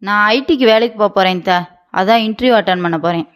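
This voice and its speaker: A woman's voice: medium pitch, fast, clean tone, lightly acted. A woman voicing a naive, stubborn young wife with big dreams in a cartoon comedy. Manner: stubborn, boastful, childlike.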